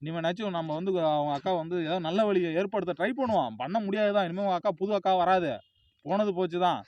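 A man out on a road, loudly lecturing a crying friend, repeating himself as he scolds. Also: sits high, fast talker, no echo, muffled recording. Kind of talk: heated roadside scolding. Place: on a road outdoors.

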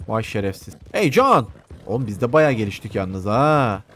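A man with a lowish voice gives brisk, casual Let's Play commentary, chatty and joking, swearing playfully and talking back to game characters. He also coos soothingly to a horse.

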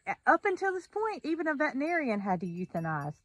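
Woman host in her fifties, slightly high voice, affirming, recaps what the guest says, outdoors by a barn. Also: sing-song, fast, fairly bright tone. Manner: affirming, sums up the guest's points. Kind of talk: casual outdoor interview. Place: outdoors by a metal barn wall.

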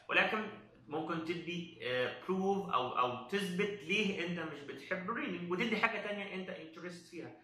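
Egyptian guy teaching test prep, super bright sharp voice, lots of uhs, roomy echo. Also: fairly high pitch. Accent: Egyptian Arabic. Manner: hesitant, frequent drawn-out "uh" fillers, mixes in English terms. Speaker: English test instructor. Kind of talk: explanatory talk.

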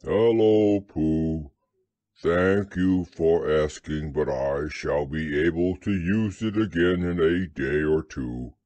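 A man voicing a gloomy, resigned old male donkey in a storybook reading, talking in a slow, sighing, mournful drawl. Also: a bass voice, darkish tone, dry recording, pitched below the performer's own voice, heavily acted. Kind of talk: storybook character voice.

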